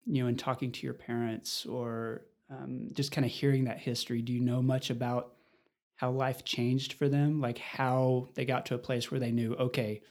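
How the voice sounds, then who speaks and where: A man hosts a podcast interview, asking his guest questions in an easy, friendly tone. His voice sits at an ordinary middle pitch. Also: little pitch movement, moderate pace, darkish tone. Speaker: podcast host. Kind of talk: casual interview.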